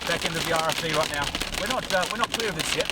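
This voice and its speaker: A storm chaser, a man with a slightly high voice, reports live in an urgent, excited way, often repeating himself. He sounds a little far from the mic, with very loud wind, rain and vehicle noise around him. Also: very fast. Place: outdoors and in a vehicle during a storm.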